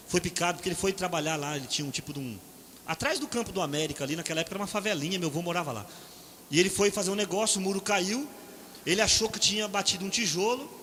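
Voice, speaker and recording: A man's voice: sits high, bright, forceful tone. A middle-aged Brazilian man preaching a conversational sermon, telling personal stories, often ending phrases with a questioning "né?" and acting out other people's voices. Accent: Brazilian Portuguese. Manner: conversational, frequent "né?" tag questions; acts out quoted voices in storytelling. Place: church hall. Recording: reverberant hall, faint ambient noise.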